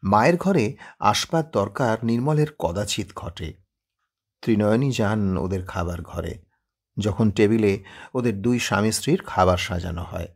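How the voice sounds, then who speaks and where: A man narrating a story in a slow, expressive storytelling manner. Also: fairly low pitch, creaky, breathy edge.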